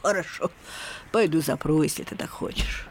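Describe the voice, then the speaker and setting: A woman voicing a kindly old grandmother in a radio play, telling tales calmly and measured. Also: low-pitched, a little hiss or hum, natural voice. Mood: soothing. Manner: calm, measured storytelling.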